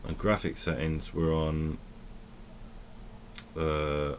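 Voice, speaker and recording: A man's voice: extremely low pitch, flat delivery, very slow, slight background noise. A man giving casual, rambling commentary while playing a game, often correcting himself and thinking aloud. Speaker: tech vlogger.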